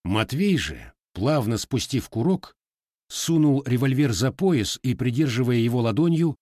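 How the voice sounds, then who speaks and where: A man reading an audiobook in measured, scripted narration. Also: medium pitch, sing-song, mellow, no echo, studio quality. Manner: measured storytelling.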